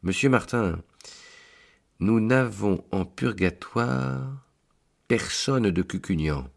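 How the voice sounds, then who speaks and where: A man's voice: lowish voice, lively intonation, slow pace, creaky, voice pushed up, exaggerated voice. A man voicing a solemn male angel who keeps the great book, speaking formally with a raised voice. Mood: questioning. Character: solemn male angel keeping heaven's ledger.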